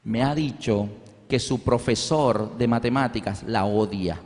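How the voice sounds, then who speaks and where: An angry middle-aged mother pours out her complaint in short, low phrases, as a male preacher puts her on. The voice drops below his usual register. A long echo from the hall trails each phrase. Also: measured pace, darkish tone, close to an everyday voice. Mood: aggrieved. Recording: reverberant hall with faint music.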